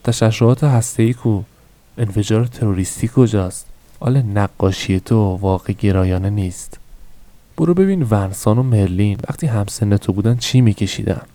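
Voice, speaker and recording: A man's voice: fairly low pitch, warm tone, no room sound, close to an everyday voice. A man voicing a morbid, doting middle-aged shopkeeper mother in an audiobook reading, with a scolding, matter-of-fact manner.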